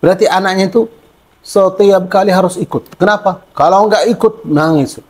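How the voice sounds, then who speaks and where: A man's voice: high voice, normal speed, a little mellow. A man giving a religious study lecture in a conversational, wry way, asking and answering his own questions. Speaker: religious teacher.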